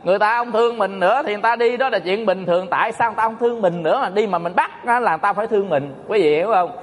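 A man's voice: high voice, very fast. A man, a Buddhist monk giving a folksy, joking sermon to an audience. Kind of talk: Dharma talk sermon. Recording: echoey hall reverb.

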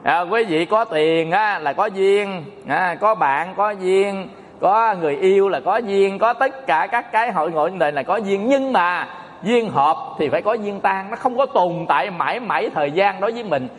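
Monk preaching, jokey and chatty, echoey hall. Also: male voice, sits high, moderate pace. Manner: folksy, joking, addresses audience often. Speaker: Buddhist monk teacher. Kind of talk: Dharma talk sermon.

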